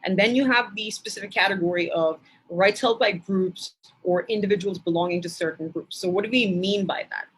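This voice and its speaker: A woman from Bangladesh giving an academic lecture in a measured way, with frequent hesitation fillers. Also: mid-range voice, breathy edge, rough recording.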